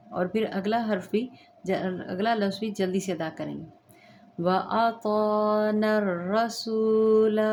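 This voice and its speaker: A woman's voice: mid-range voice, darkish tone, slight background noise. A woman teaching the rules of Quran recitation, patiently explaining step by step and checking that students understand. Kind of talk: slow tajweed lesson with chanted recitation.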